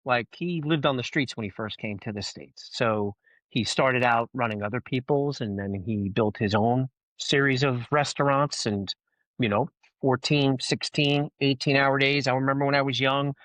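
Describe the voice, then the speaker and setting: A man's voice: medium pitch, normal speed, a bit bright, dry recording, low-quality recording. A man from Brooklyn hosting a podcast interview, full of joking, self-mocking banter. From Brooklyn, New York. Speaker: podcast host.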